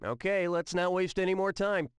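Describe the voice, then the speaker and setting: A man's voice: high-pitched, normal speed, heavy background noise, natural voice. A man playing a wisecracking, sarcastic quiz show host in a video game, with a snarky, punning delivery. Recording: game audio with loud music behind. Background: loud game music.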